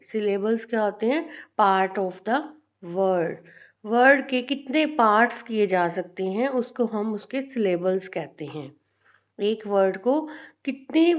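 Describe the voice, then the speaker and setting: A woman with an Indian accent teaching an English lesson, speaking slowly and deliberately, spelling out letters and repeating things for her students. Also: medium pitch, highs cut off. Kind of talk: classroom lesson mixing Hindi and English.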